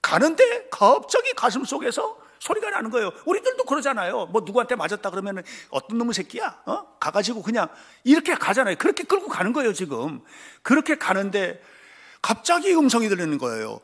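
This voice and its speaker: Male pastor, church sermon, high and very animated delivery, dramatic whisper-to-shout swings. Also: fast talker. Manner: dramatic, swings from loud cries to hushed whispers; acts out quoted voices in stories. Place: church sanctuary.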